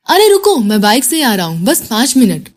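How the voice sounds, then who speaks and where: A woman's voice: a little high, moderate pace. Laid-back young male student, read by a female narrator, dryly joking. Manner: calm, joking.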